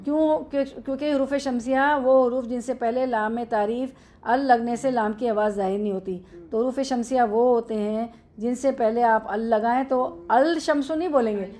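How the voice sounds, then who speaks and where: A woman's voice: a little high, fairly even intonation, normal speed, mellow. A woman with an Urdu accent teaching a classroom grammar lesson, explaining step by step and answering her own questions.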